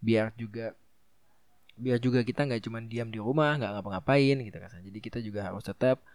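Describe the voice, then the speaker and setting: Young male podcast host, Jakartan accent, lisps his r. Mellow, smooth, close dry sound; informal, rambling delivery. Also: fairly low pitch, steady tone, fairly quick, no room sound. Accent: Jakartan Indonesian. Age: young adult. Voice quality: lisp, trouble saying r. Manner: informal, rambling, repeats phrases. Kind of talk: casual solo advice talk.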